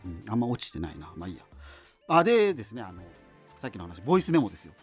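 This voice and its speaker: Speaking very fast in a fairly low voice with big swings in pitch, this man voices a lone amateur radio host in a doomed future for a scripted radio drama. His conversational monologue is chatty and rambling, cutting himself off and drifting into casual asides, with soft music in the background.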